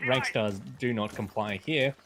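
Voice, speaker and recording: A man's voice: on the low side, unhurried, crowd noise. A man giving colour commentary on an esports match, rambling with lots of ums and restarts. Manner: rambling, full of ums and restarts, laughs easily. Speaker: esports caster. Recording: noisy stream audio.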